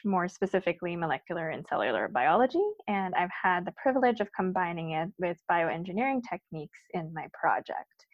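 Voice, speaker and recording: A young Guyanese woman, a recent PhD graduate, talks earnestly and with many fillers as a guest on a casual podcast interview. Her voice is lowish, and the lo-fi recording sounds dull and dry with no room sound.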